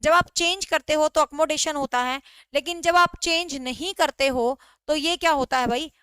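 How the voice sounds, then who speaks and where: A woman's voice: high voice, moderate pace, a bit bright, no echo. A woman teacher giving an online class lecture, often asking questions and answering them herself, and mixing English words into her teaching. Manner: repetitive quizzing, mixes in English words.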